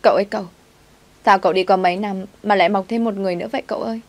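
A woman's voice: mid-range voice, steady tone, racing, lightly acted. A woman voicing a clingy, tearful young servant girl who whines and pleads. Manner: whiny, pleading.

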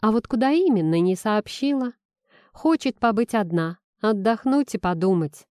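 A woman reading a storybook, voicing a suspicious, sharp-tongued young woman. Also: medium pitch, expressive, moderate pace, dry recording, clean studio sound, close to an everyday voice. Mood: suspicious, guarded. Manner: cool, sarcastic.

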